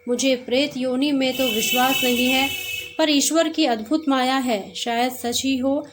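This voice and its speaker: A woman voicing a stern landlord father in a read-aloud story, speaking slowly in a high voice. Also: fairly even intonation, background noise.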